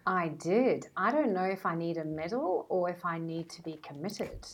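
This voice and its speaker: Animated and husky, her lowish voice runs at a normal speed as she tells stories as a podcast guest. The chatty speaker is a brand strategist in her forties with a South African accent, taking part in an interview.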